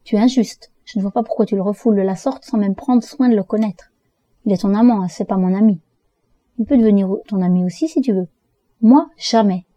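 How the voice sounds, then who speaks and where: A woman's voice: medium pitch, brisk, dark tone, dry recording, lightly acted. A woman reading the lines of a hurt, worried younger sister in an audiobook, pleading and reproachful.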